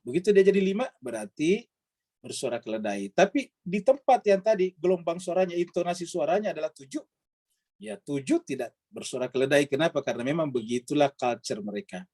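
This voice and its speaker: A man's voice: fairly high pitch, lively intonation, brisk, mellow, no room sound. A man teaching a Quran study session, explaining patiently with repeated examples and rhetorical questions. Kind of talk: religious study lecture with Q&A.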